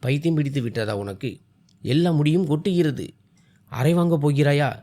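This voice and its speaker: A hot-tempered young husband scolds and shouts, pitched higher than the narration, as a male storyteller puts him on. The voice stays dark and husky, with a lively pitch. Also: normal speed. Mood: angry.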